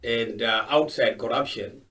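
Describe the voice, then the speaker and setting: A man's voice: mid-range voice, fairly even intonation, unhurried, fairly bright tone. A man from Kenya, a guest on a panel discussion, who talks emphatically and repeats his points. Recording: voice from far off the mic.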